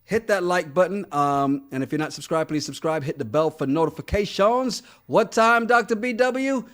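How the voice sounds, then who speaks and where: A man with a high-pitched, slightly bright voice at a moderate pace co-hosts a casual podcast. He chats loosely, reading viewer comments from the live chat aloud, laughing often and repeating words.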